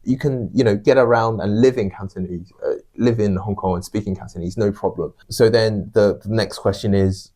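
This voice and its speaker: A podcast co-host with a low-sitting, warm voice joins a casual discussion. He makes his points through repetition and rhetorical questions.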